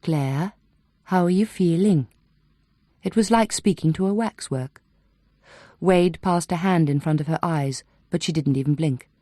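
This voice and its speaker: Audiobook narrator, woman, measured and even, low warm tone. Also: no room sound, clean studio sound.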